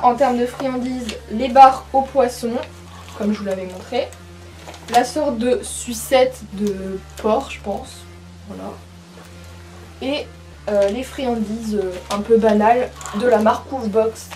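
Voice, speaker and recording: Unboxing her monthly pet subscription, a young woman talks in a chatty, somewhat high-pitched voice. Her casual commentary is loaded with filler words and little bursts of excitement.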